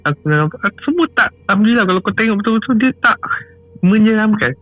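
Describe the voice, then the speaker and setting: Talking fast in a high, lively voice, a Malaysian-accented man tells a relaxed story about something frightening that happened to him. He repeats phrases a lot and keeps breaking into little chuckles. The sound is tinny and phone-like, with faint music underneath.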